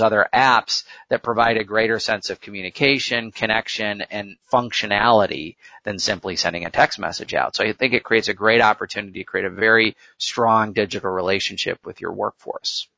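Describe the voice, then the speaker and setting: A man's voice: fairly low pitch, fairly even intonation, normal speed, vocal fry, few pauses, bright, forceful tone, dry recording, dull audio. A man speaking as an expert interview guest, giving explanatory answers. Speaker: interview guest, workforce management consultant.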